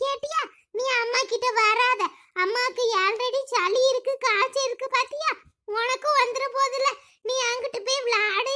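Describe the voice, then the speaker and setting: A woman's voice: extremely high pitch, bright, forceful tone. A woman voicing a sick, self-pitying village mother of three in a cartoon, whiny and fretful. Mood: tender. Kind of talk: cartoon voice acting.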